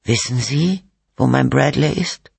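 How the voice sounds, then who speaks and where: A frail, distraught mother speaks in a raised, strained pitch, as a male reader puts her on. She is bitter and accusing, with breathless outbursts and a husky edge. The recording is dry and close. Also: a little slow, a little mellow, no echo, full character voice. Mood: anxious. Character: frail distraught mother, middle-aged woman.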